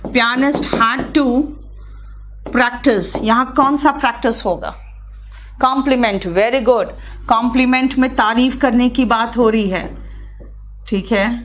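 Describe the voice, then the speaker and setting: A woman with an Indian accent teaching English in Hindi in a live online class, patient with students, reading example sentences slowly. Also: high voice, a bit bright, slight background noise.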